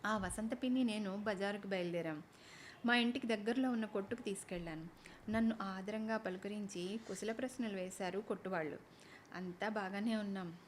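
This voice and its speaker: A woman storyteller narrating a humorous tale in the first person, with a lively telling. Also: mid-range voice, fairly quick, a little hiss or hum.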